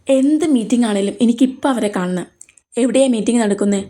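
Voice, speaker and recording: Brief: woman doing an emotional young heroine, quick to anger, mellow voice. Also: on the high side, close to an everyday voice. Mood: angry. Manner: emotional, pleading. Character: tearful, hot-tempered young woman in love.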